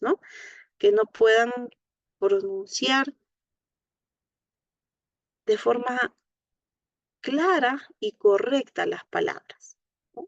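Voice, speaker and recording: A woman's voice: medium pitch, no room sound, highs cut off. A woman teaching an online class on speech therapy, explaining patiently and checking in often with a questioning tag. She has a Latin American Spanish accent. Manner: explains slowly, frequent tag "¿no?".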